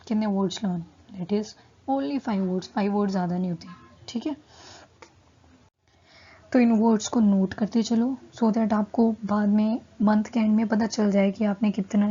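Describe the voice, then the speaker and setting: A woman teaching English vocabulary in a casual Hindi-English mix. She keeps checking in with the class and says the key English words slowly. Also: mid-range voice, warm tone, husky, highs cut off.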